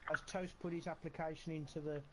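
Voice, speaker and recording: A man's voice: fairly high pitch, flat delivery, fast talker, poor audio. A man chatting casually as an organiser within an online gaming group. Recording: other players' chatter behind.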